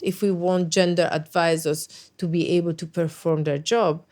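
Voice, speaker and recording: Her voice is low-pitched and darkish: a middle-aged Italian-born woman whose first language is Italian, answering interview questions in English as a guest and NATO special representative. She is thoughtful, with frequent hesitations and restarts.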